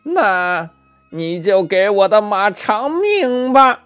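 A hot-headed monkey hero in a children's storybook, shouting high and impatient, voiced by a male narrator. He barks his lines with a slow, deliberate drawl, soft music playing behind. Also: sing-song. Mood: fiery, impatient. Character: brash heroic monkey king, male, quick-tempered.

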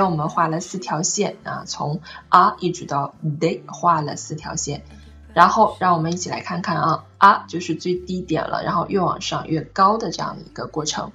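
The audio is dull as a woman teacher, her voice fairly low and fairly bright, gives an online lesson on French intonation and pronunciation. She explains patiently and keeps checking in with the rhetorical question "right?"

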